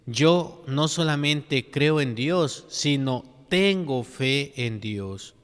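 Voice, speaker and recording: Slow-speaking priest preaching. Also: male voice, mid-range voice, animated, clean tone, in a large hall. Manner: earnest preaching with rhetorical questions. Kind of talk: sermon at mass.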